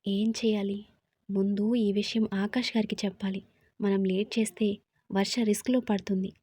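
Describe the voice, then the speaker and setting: A woman narrating an audio story with steady, expressive reading. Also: medium pitch, moderate pace, no echo, studio quality.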